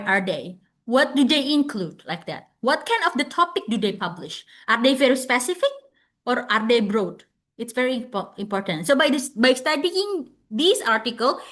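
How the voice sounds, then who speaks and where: A woman's voice: sits high, fairly bright tone. A woman from Indonesia with an Indonesian accent, a non-native English speaker giving an online lecture, explaining step by step and often repeating and restarting her words. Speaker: webinar speaker.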